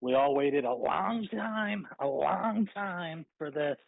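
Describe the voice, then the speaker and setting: A man's voice: high voice, lively intonation, takes it slowly, vocal fry, no room sound. A man in a casual group chat, cheerful and teasing. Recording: tinny online voice call.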